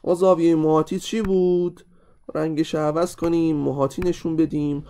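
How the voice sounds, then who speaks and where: A man teaching an exam-review math lesson, animated and constantly addressing his students directly. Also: fairly high pitch.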